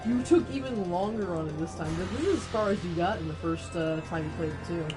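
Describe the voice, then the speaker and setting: A woman's voice: fairly low pitch, fairly quick. Sardonic, sweary woman over game music. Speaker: gaming commentator. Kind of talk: casual let's-play commentary.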